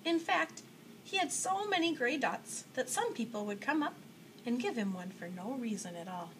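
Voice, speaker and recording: A young woman reads a children's story aloud. Her voice sits on the high side. She is recorded in a small room by a camera a little way off, with mild background noise. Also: expressive, moderate pace, a bit bright, low-quality recording. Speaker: storybook reader. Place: small indoor room with block walls.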